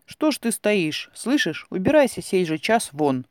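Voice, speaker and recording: A man voicing a stern young village blacksmith who shouts harsh orders. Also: high voice, sing-song, a little slow, no room sound, clean studio sound. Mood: angry.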